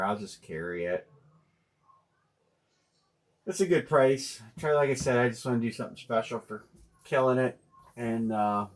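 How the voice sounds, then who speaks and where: A man hosting a live sports card break stream, talking casually and thinking out loud with plenty of fillers and restarts. He speaks bluntly and uses slang. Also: medium pitch. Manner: rambling, thinking aloud with many fillers and restarts.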